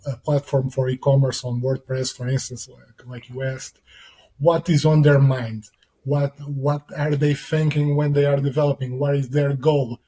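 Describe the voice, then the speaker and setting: A man in his thirties with a Portuguese accent talks in a flat, even tone. His voice is dark and mellow, and he pauses often with fillers as he works out his answers. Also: fairly high pitch, low-quality recording. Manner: hesitant, many fillers and restarts. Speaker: guest, security consultant. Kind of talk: interview answers.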